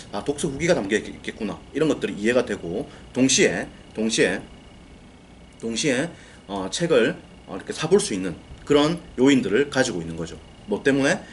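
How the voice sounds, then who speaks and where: Man, writing coach, lecturing with a lively, animated delivery over faint background noise; repeats himself for emphasis. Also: medium pitch. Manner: explanatory, repeats key phrases, asks and answers own questions.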